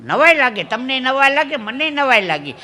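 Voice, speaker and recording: On stage at a folk gathering, a man from Dwarka, Gujarat, India, performs comedy storytelling through a handheld microphone, chuckling at his own punchlines. He talks at normal speed in a very high-pitched, sing-song voice with a sharp tone.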